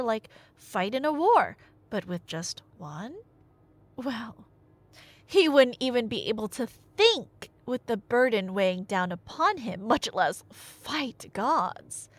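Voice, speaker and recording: Playing a nerdy girlfriend in an audio roleplay, a woman whose voice sits high tells a rambling, conversational story with no echo. She's animated, tossing in wry asides and rhetorical questions.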